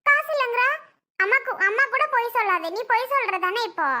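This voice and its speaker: A whiny little girl, voiced by a performer in a family drama skit, begging and wheedling without letup. Her voice is very high, bright and sharp. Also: animated, fairly quick, full character voice. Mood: pleading. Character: whiny pleading little girl craving snacks.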